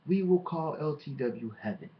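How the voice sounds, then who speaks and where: A man delivering a boastful, taunting wrestling promo as a monologue, with deliberate dramatic pauses. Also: fairly high pitch, expressive. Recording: dull lo-fi microphone recording.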